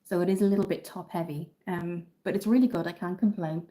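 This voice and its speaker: A woman's voice: on the low side, steady tone, fairly quick, dark tone. A woman from Dublin chatting casually on a beauty livestream, upbeat and full of ums as she answers viewer comments. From Ireland, Dublin. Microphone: phone camera.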